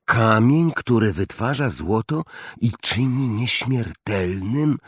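A man voicing an earnest young schoolboy who speaks keenly and drops to a hush when excited. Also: mid-range voice, takes it slowly, no room sound, clean studio sound, pitched above the performer's own voice.

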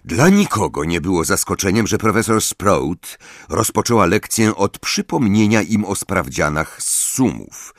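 A man narrating an audiobook in an expressive storytelling style. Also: deep voice, dry recording, clean studio sound. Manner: expressive storytelling, voicing every character.

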